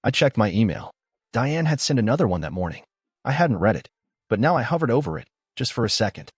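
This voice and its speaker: A young adult man narrating a first-person story in measured, clipped sentences. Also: medium pitch, very animated, husky, no room sound, studio quality.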